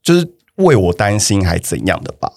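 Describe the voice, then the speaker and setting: A man's voice: fairly low pitch, big pitch swings, a little fast, darkish tone. A young man with a Taiwanese Mandarin accent, casually telling a personal story on a podcast, hesitant and often repeating himself. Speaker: guest telling his breakup story.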